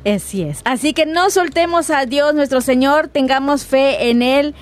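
Lady radio host, kinda high voice, thanking guests, musing out loud. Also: measured pace. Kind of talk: radio talk show hosting.

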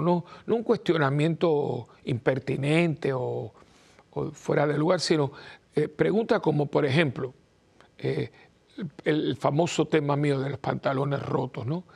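Male priest, animated storyteller, gravelly, slightly raised pitch. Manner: animated storyteller, rhetorical questions, sound words. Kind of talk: conversational talk-show monologue.

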